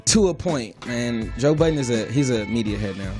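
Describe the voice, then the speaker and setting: A man's voice: medium pitch, expressive, moderate pace, a little mellow, soft background music. Brash, opinionated male co-host. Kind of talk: casual hip hop talk show banter.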